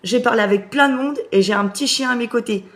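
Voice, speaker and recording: A woman's voice: on the high side, fast talker, fairly bright tone, close to an everyday voice. A woman voicing an affectionate old grandfather spirit with a tender, lilting intonation. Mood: doting.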